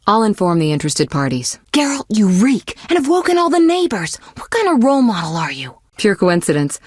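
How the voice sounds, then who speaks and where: A woman lightly acts a poised young sorceress in scripted video game voice work, starting serious and instructive before turning scolding and insistent. Recorded dry and close with no room sound, her low-side voice moves in measured, articulate, gently chiding phrases, worldly and caring with a teasing, possessive streak.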